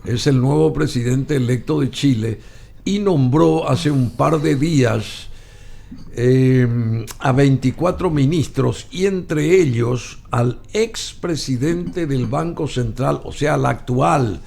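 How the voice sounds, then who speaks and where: Gravelly man hosting. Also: medium pitch, a little mellow. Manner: chatty interjections and slow, deliberate questions. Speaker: radio show host. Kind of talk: radio interview conversation.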